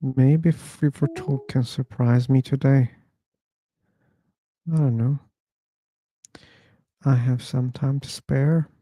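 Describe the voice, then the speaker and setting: A man hosting a livestream talks in an unhurried, musing way, as if thinking out loud between callers. His voice is mellow and warm, set close and dry with no room sound. He drawls through the pauses at a very slow pace. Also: mid-range voice, steady tone, no echo. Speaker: host of an online discussion livestream. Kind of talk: casual livestream chat.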